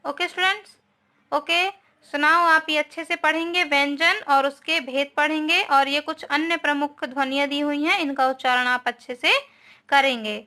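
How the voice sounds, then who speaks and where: A woman teaches a grammar lesson in a high, bright voice. She explains patiently, keeps checking understanding with little tag questions, and slips English words into her Hindi. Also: steady tone, normal speed. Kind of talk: online class lesson.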